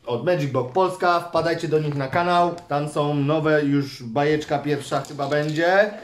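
A man's voice: a little high, unhurried, a little hiss or hum. A man, a father hosting a casual toy unboxing with his son, chatty and teasing, reading a comic aloud. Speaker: father and channel host.

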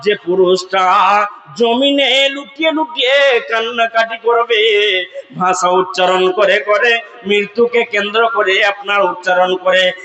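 A man preaching a fiery sermon in a high, bright voice. He takes his time over each phrase, drawing words out. He swells into sung chanting and shouts at the peaks. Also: dull audio. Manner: impassioned, slips into sung chanting and shouted climaxes; asks the audience call-and-response questions. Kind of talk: Bengali waz sermon with chanted Arabic verses.

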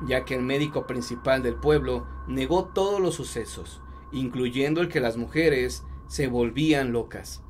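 Guy from mexico telling creepy stories, slow and dramatic, bit of faint noise behind. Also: mid-range voice. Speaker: horror story narrator. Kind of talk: scripted horror narration.

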